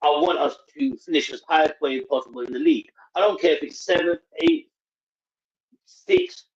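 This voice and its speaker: A fan calls in to a casual football chat with a sore, stitched-up mouth from dental work. He talks fast and very animatedly in a slightly high voice. The call audio is dull and lo-fi.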